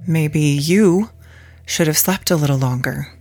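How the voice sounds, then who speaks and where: A cloyingly sweet, unsettling mother figure, as a male narrator puts her on, pitched well above his own voice and kept soft and hushed. She teases and coaxes with quiet, insistent conviction. It has the feel of a spoken storybook. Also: measured pace, slight background noise. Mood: sweetly teasing. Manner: sweet, teasing, coolly insistent. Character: smug eerie woman claiming to be mother.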